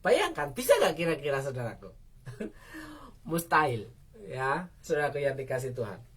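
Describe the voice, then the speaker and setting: A woman's voice: low-pitched, very animated, moderate pace, husky. A woman pastor, telling a story in a devotional sermon and calling out her prayers to the congregation. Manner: storytelling with frequent "saudaraku" address, cries out prayers.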